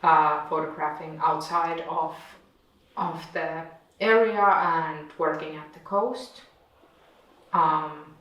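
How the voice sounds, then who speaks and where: A woman reflects on her work, her voice low and her pace unhurried. She stops often to find her words. The mic sits far off in a room that rings with echo. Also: steady tone, fairly bright tone, lo-fi sound. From Finland. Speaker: visiting artist. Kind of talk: reflective conversation. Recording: echoey room, distant mic.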